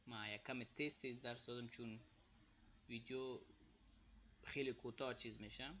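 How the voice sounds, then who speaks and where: A man with an Afghan Dari accent giving a casual spoken lesson, saying example words slowly and loudly, then explaining them quietly. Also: mid-range voice, fairly even intonation, highs cut off, a little hiss or hum. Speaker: language teacher.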